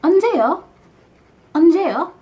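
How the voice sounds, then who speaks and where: A woman teaching everyday phrases in a casual vlog, animated and acting out little scenes with frequent laughs. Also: extremely high pitch, very fast, lo-fi sound. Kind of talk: casual language lesson vlog. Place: living in Korea.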